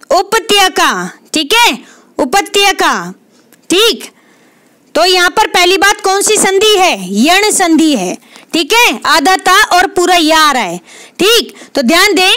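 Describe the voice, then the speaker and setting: A woman tutoring for an exam who takes her time, puts a question to herself, answers it and says the key word again. Her voice sits very high and lively, bright and tense. The sound is dry and close. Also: no echo. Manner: repeats key words, asks and answers her own questions. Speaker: Hindi literature exam tutor. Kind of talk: quiz explanation lesson.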